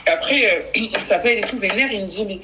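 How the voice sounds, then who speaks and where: A woman's voice: medium pitch, bright, forceful tone, a little hiss or hum, rough recording. A woman, a guest on a live stream, tells about a fight with her partner in casual talk, retelling the quarrel line by line. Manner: rushed, retells arguments in quoted speech. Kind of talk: casual storytelling.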